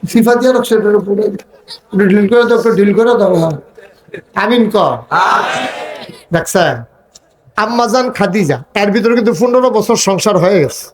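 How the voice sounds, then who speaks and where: A man preaching a sermon to a crowd, rousing them with call-and-response and chanted, drawn-out passages. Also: high-pitched, a little mellow, roomy sound, a little hiss or hum. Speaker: Islamic preacher.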